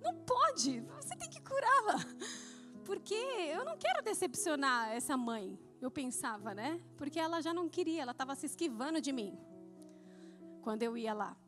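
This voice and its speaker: A Brazilian woman speaks from a church stage, sharing a testimony as a sermon. Her voice sits high and swings widely in pitch as she tells the story and acts out each exchange. Faint music plays softly behind her. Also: moderate pace. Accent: Brazilian Portuguese. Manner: animated storytelling, acting out dialogue. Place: church service.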